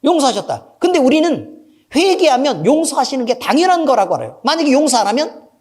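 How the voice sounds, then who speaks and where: Talking fast in a sing-song manner, a middle-aged pastor preaches through a story. He swings from loud, forceful outbursts to hushed comments and throws in asides to his congregation.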